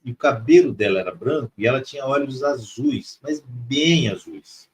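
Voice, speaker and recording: A middle-aged man from Mato Grosso, Brazil, appears as a guest on a spirituality live stream, recounting a personal spiritual story with feeling. His medium-pitched, expressive voice moves at a normal speed, and he repeats words for emphasis. A slight hiss or hum sits under the recording.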